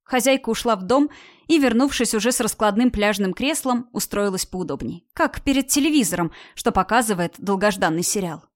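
A woman narrates a novel at a middling pitch. Her reading is even and expressive, and her pace stays steady through each passage. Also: brisk. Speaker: audiobook narrator. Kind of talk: scripted narration.

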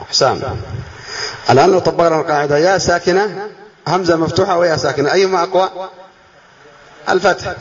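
A man teaching a class, quizzing his students with questions, drawing key words out slowly and putting on a student's puzzled voice. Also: on the high side, highs cut off. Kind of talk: classroom lesson.

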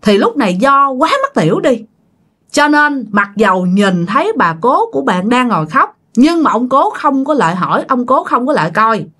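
A woman tells a ghost story in a casual, chatty way. She talks straight to her listeners. Her fairly high voice moves through a wide, animated range. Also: moderate pace. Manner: chatty, addresses listeners directly.

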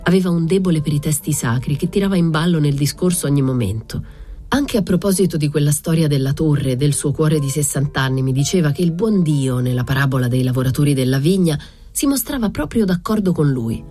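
A woman narrating a literary novel aloud in a measured, reflective way. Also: low voice, expressive, warm tone, soft background music. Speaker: audiobook reader.

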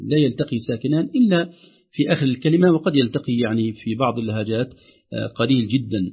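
A man teaching Quran recitation rules on a call-in show, explaining each rule and then reciting the examples slowly and drawn out. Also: mid-range voice, slightly rough. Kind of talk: tajweed lesson on a call-in show. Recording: dull lo-fi broadcast sound.

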